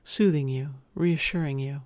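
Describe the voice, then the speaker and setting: A narrator speaking as a dominant partner, telling an erotic story to the listener in an intimate, measured way. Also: mid-range voice. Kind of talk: intimate second-person erotic audio narration.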